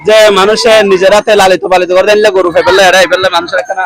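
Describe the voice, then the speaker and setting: A male field reporter speaks in a high voice with a Chattogram Bangladeshi accent. His delivery is quick and eager, yet halting, with repeated words as he presents and asks questions on location. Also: flat delivery, over a noisy crowd. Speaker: reporter for a local online channel. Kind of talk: on-location market report with interviews. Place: outdoor cattle market.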